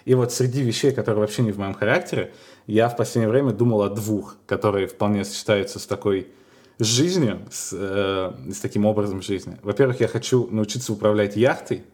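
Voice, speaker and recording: A man co-hosting a podcast, chatting casually and telling stories in a musing, unhurried way with small hesitations. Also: on the low side, a little mellow. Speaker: podcast co-host.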